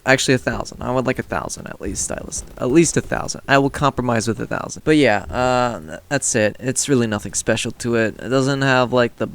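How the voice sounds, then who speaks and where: A man's voice: mid-range voice, fairly quick, few pauses, a bit bright. A man giving a casual, offhand video game review in a rambling, noncommittal way.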